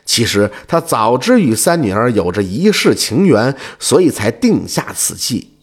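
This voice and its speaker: A man telling a folk tale in a lively, animated way. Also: medium pitch, unhurried, husky. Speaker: storyteller.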